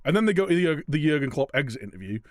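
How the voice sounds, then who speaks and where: A man's voice: on the high side, sing-song, rapid-fire, darkish tone, no room sound, studio quality. A young man co-hosting a casual football podcast, laughing often and slipping into mock quotes. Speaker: podcast co-host.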